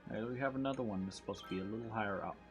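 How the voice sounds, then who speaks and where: A man's voice: fairly low pitch, racing, faint music behind. A man streaming a game over a headset mic, thinking aloud as he fixes things and greeting his chat. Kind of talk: casual gameplay livestream chat.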